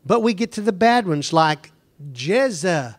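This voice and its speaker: Pastor guy preaching, high voice, chatty, slows way down to hit words. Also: animated. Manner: conversational preaching, speeds up and slows down for emphasis. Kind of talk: sermon.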